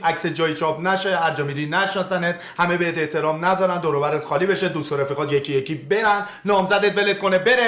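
An actor playing a vain, bitter former national team footballer who rants and takes offence easily. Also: male voice, high-pitched, fairly bright tone. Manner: boastful, quick to take offence, ranting. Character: vain washed-up ex-footballer, bitter and self-pitying. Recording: roomy echo.

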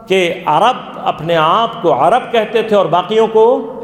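A man's voice: high-pitched, expressive. A man teaching an interactive religious lesson to a class. He poses questions to his listeners and then answers them himself. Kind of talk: interactive lecture. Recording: echoey hall with long reverb.

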